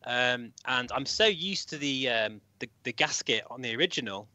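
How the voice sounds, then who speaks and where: A man with a bright, somewhat raised voice chats as a podcast guest, his pitch jumping around a lot as he gets worked up. The sound is dry and close, with no room around it. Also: normal speed, dry recording. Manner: animated, laughs easily. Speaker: guest co-host. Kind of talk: casual podcast chat.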